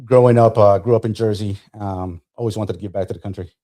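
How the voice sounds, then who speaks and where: A man's voice: on the low side, fairly even intonation, fast talker, warm tone. A man from Colombia, a retired Marine guest, telling stories casually with many hesitations and easy humor. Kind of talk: casual interview storytelling.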